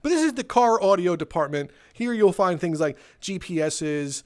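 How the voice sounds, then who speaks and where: A man's voice: high-pitched, animated, normal speed, darkish tone. A young man telling rambling, sardonic stories in a casual way while playing a game, swearing and laughing between them. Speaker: gaming video creator.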